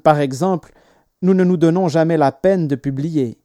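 A man reading stories aloud as an audiobook narrator, in a measured, expressive way. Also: on the high side, no room sound, studio quality. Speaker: audiobook reader. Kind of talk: scripted narration.

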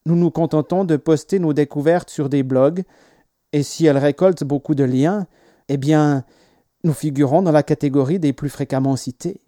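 A man reading stories aloud as an audiobook narrator, in a measured, expressive way. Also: fairly high pitch, dry recording, studio quality. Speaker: audiobook reader. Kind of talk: scripted narration.

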